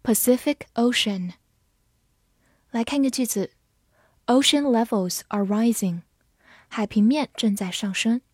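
Slow, husky woman teaching vocabulary. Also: on the high side, a little mellow, dry recording, clean studio sound. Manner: spells words letter by letter and reads example sentences slowly. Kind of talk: scripted vocabulary lesson.

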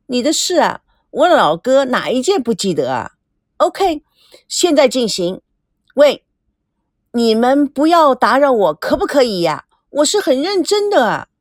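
A woman's voice: high-pitched, big pitch swings, a little slow, no room sound, studio quality, exaggerated voice. Jovial big-brother type, voiced by a woman, stumbling over fillers, joking. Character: young man, jovial older brother, bumbling.

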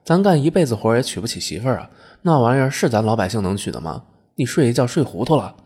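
A man doing a gruff, blunt ancient laborer. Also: mid-range voice, very animated, quick pace, a little mellow. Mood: scoffing. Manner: coarse, blunt, swearing. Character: gruff brawny male laborer in his forties, blunt.

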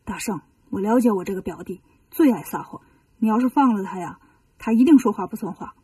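A woman's voice: medium pitch, animated, brisk, dark tone, slightly rough, no room sound. A woman voicing a stern, dutiful young dragon prince in a children's storybook reading, firm and lecturing.

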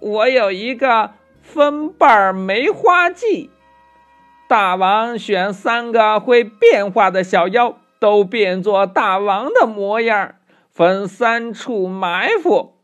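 A man's voice: high-pitched, fairly bright tone, faint music behind, voice pushed up. A man playing a sly scheming demon minion. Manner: slow, sly, drawn-out.

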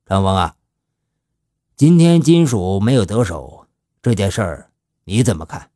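A male storyteller voicing a shrewd older gang leader who speaks slowly and with fatherly authority. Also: fairly low pitch, big pitch swings, dark tone, dry recording, studio quality. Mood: measured. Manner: slow, measured, fatherly.

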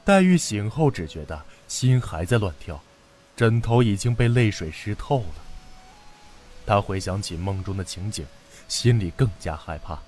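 A man narrating a classic novel for children in an expressive, dramatic storytelling manner. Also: lowish voice, normal speed, a little hiss or hum.

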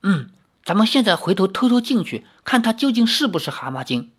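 A man voicing a brash, playful young swordsman in a read-aloud novel, raised high and cheeky. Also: big pitch swings, a little fast, husky, heavily acted. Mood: teasing.

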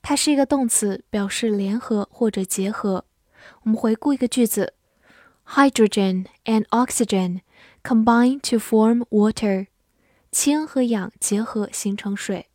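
Slow, careful woman teaching English words. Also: a little high, a little mellow, no echo, studio quality. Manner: spells words letter by letter and reads example sentences slowly. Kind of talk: scripted vocabulary lesson.

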